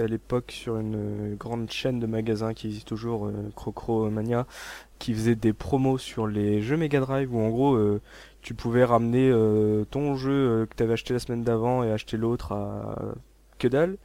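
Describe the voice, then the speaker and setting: A man co-hosting a casual gaming podcast, teasing and quick to disagree. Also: medium pitch, warm tone. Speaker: podcast co-host.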